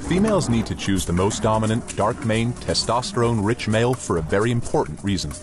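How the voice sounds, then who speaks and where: A man's voice: lowish voice, sing-song, a little fast, music in the background. A man reading scripted nature documentary narration.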